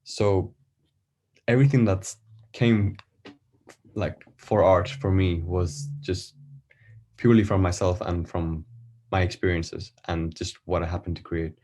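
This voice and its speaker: A man from Iran, an artist guest on a podcast, speaks in a very low voice. He talks in a relaxed, casual way and searches for his words as he thinks aloud, with frequent pauses and fillers. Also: a little hiss or hum.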